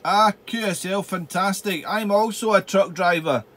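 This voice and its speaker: A high-pitched man works as an amateur radio operator in his home radio room. He chats casually, repeats his phrases and slips into call signs and phonetic spelling. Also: moderate pace, very noisy.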